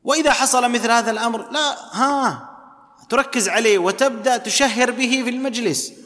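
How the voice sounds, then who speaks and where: A man's voice: very high voice, quick pace, a bit bright. A man giving a religious lesson, explaining and repeating key phrases as he teaches. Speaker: preacher. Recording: long hall reverb.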